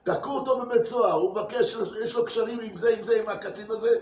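A man, a rabbi, giving a lively Torah class to his congregation, asking rhetorical questions and repeating words for emphasis. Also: sits high, a little hiss or hum. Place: synagogue hall. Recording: echoey room from a distance.

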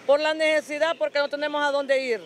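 Honduran woman, 30s, very high voice, insistent and pleading, outdoor interview. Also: level tone, fast, a little hiss or hum. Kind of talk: emotional street interview. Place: outdoors under a tarp shelter. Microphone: handheld mic.

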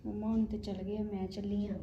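A woman's voice: medium pitch, level tone, brisk, dull audio. A woman chatting casually for a family vlog, often repeating herself for emphasis. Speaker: family vlogger. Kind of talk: casual home vlog chat. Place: at home and on its open rooftop. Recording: noisy handheld home recording.

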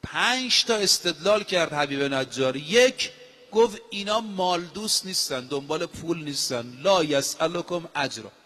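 A man's voice: a little high, expressive, sharp tone. A male preacher giving a sermon, emphatic, with rhetorical questions and repeated phrases. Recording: long hall reverb.

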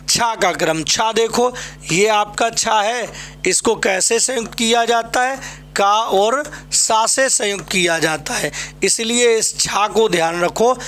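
A man's voice: high-pitched, fairly bright tone, a little hiss or hum. A male teacher from Uttar Pradesh giving an exam-prep Hindi lesson, drilling students by asking a question and then answering it himself.

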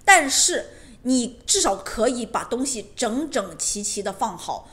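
A woman's voice: a little high, animated, measured pace, a bit bright. A woman giving a casual monologue to camera at home, emphatic and repetitive, often asking rhetorical questions. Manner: emphatic, repeats phrases, asks rhetorical questions. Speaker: lifestyle vlogger on decluttering. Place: her home.

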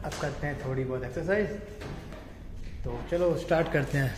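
A young man in his twenties, his voice fairly high and his speed normal, films a vlog on a phone held at arm's length. He chats with viewers as if they were friends while moving through his apartment complex's gym and game room, indoors and out, and the phone recording is noisy.

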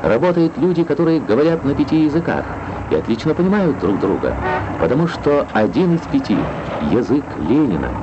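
A man's voice: medium pitch, very animated, brisk, background noise. A man narrating a scripted Soviet newsreel in a declamatory, solemn announcer's manner. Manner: declamatory, lyrical, solemn phrasing. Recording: dull 1960s film soundtrack, loud music.

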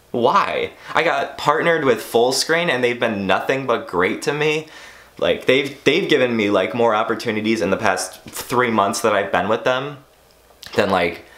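A teenage boy vlogging casually, rambling with lots of "like" fillers and self-mockery, a bit hoarse. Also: on the low side, sharp tone. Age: teens. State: losing his voice. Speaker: YouTuber. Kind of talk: casual vlog monologue.

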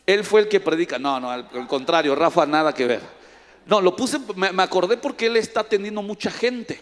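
A male pastor preaching a lively sermon, teasing and calling on people in the congregation by name. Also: sits high, a little fast. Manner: playful, teasing, calls on audience by name. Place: large church hall. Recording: long echo of a church hall.

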